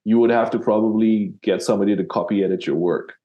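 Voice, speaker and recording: A man's voice: on the low side, fairly even intonation, quick pace, lo-fi sound. A man from Sri Lanka, a copywriter guest in an interview, talking casually with many fillers and restarts.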